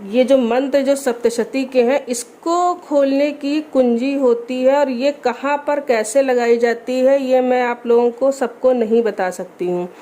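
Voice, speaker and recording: ऊँची आवाज़ वाली महिला, शांत भाव से पाठ की विधि समझाती हुई. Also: female voice, high voice. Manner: calm, explanatory, recites Sanskrit verses slowly. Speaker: religious instructor. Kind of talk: explaining scripture recitation rules.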